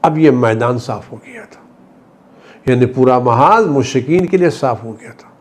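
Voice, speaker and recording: A man delivering a Friday sermon, telling the story with passion, his voice rising high for emphasis, then dropping low and quiet. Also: animated, measured pace. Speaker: Shia cleric giving a Friday sermon. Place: studio.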